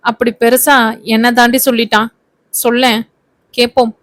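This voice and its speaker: A stern middle-aged mother from a spoken story, impatient and scolding, as a woman reads her lines. The voice sits a bit high with a narrow, even tune. It is recorded close and dry. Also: normal speed, no room sound, lightly acted.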